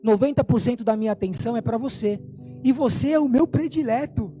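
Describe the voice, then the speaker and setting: Brief: male preacher playing a smug, unbothered wife, soft and mellow, dismissive. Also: extremely high pitch, brisk, faint music behind. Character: self-centered unfaithful wife, calm and dismissive.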